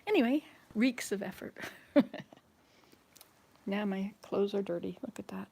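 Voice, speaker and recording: Here a sixties-aged vlogger chats at home while tidying up, drifting between tasks. Her mid-range voice is husky and dark with vocal fry, animated yet unhurried.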